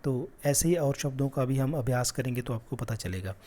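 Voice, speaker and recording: Man, teacher, patient and slow-spoken, middle pitch, classroom lesson. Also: dark tone. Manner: patient, repeats sounds slowly for children.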